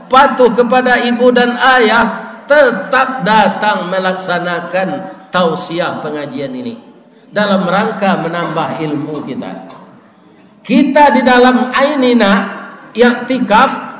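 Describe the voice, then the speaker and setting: A middle-aged man, preaching a storytelling sermon to children and parents, lively and chatty, asking the crowd questions. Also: high voice. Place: mosque hall. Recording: echoey mosque hall.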